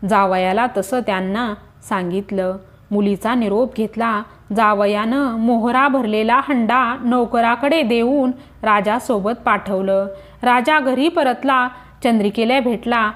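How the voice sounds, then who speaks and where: A woman reading a devotional folk tale aloud in an even, measured storytelling manner. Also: fairly high pitch.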